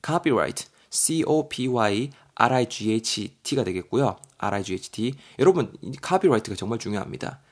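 A man with a Gyeongsang Korean accent hosts a podcast vocabulary lesson. He spells each English word letter by letter, repeats it, and reads the example lines slowly. His voice sits at an ordinary middle pitch. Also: expressive.

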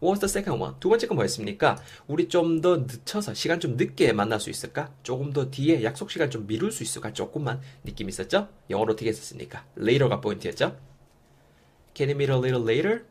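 A man teaching English phrases in a lesson, saying the model sentences slowly for students to repeat. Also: medium pitch, very animated, a little mellow, husky. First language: Korean. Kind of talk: language lesson with listen-and-repeat drills.

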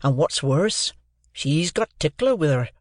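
A man doing a slow, gentle country blacksmith. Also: a little high, very animated, no room sound, clean studio sound. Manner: slow, drawn-out, soft.

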